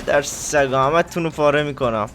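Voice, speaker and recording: A man's voice: fairly high pitch, music in the background. A man giving casual gameplay commentary, slangy and playfully repeating phrases. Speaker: gamer playing and commenting.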